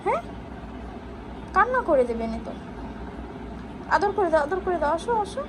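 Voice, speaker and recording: A high-pitched woman chats casually to the camera and coos at her little daughter in a coaxing, sing-song way. The home recording carries a steady hiss of background noise, with traffic passing outside. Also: normal speed. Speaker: mother vlogging with her toddler daughter. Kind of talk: casual vlog chat to camera and toddler. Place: home at night.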